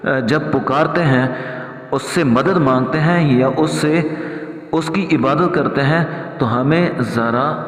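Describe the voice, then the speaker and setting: A man with a fairly high voice teaches tajweed, explaining common mistakes in calm talk. He then chants each verse slowly, stretching the sounds. The recording rings with the long echo of a large hall. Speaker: Quran recitation teacher. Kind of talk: tajweed lesson with chanted recitation. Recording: echoey hall.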